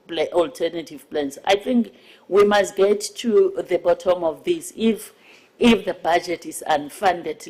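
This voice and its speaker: A South African member of parliament making formal, unscripted committee remarks in a halting, emphatic way, often repeating words. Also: mid-range voice, darkish tone.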